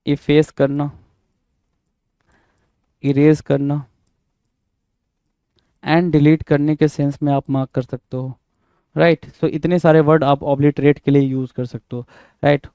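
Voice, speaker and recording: Teacher guy, kinda high voice, mellow, dry sound, keeps quizzing you and spelling stuff out. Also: no echo. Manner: repetitive, spells words letter by letter, quizzing the viewer; mixes Hindi and English. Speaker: English vocabulary teacher. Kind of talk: exam-prep vocabulary lesson.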